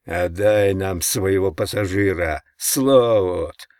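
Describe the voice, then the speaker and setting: A man voicing a hoarse, jeering mob of male trolls shouting through a window in an audiobook. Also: low-pitched, slow pace, no echo, studio quality. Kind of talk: audiobook character voice.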